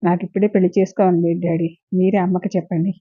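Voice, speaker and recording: Woman doing a tired hurt young wife, husky low voice, kinda muffled recording. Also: level tone, rapid-fire, no echo. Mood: weary. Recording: dull lo-fi recording.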